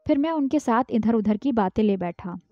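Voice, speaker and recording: A woman narrates a literary short story in a measured, even reading. Her voice is high-pitched and mellow. The recording is dull and lo-fi with no room echo, and faint music plays underneath. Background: faint background music.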